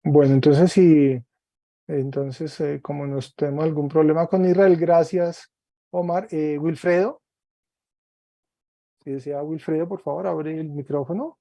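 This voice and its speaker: A man teaching Greek in an online class, speaking slowly and patiently, repeating words for students over a video call. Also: on the high side, steady tone, mellow, dry recording, highs cut off.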